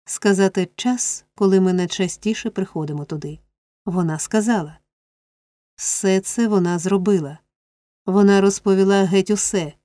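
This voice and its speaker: A woman's voice: warm tone, no room sound, natural voice. A woman putting on a frantic scheming old man. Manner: shrill, pleading, insistent.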